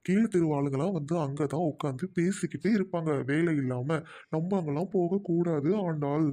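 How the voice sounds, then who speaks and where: Guy voicing a strict old-fashioned village guy in a cartoon, mellow dark tone, firm. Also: on the high side, a little fast, natural voice. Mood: stern. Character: stern young village man, traditional and disapproving.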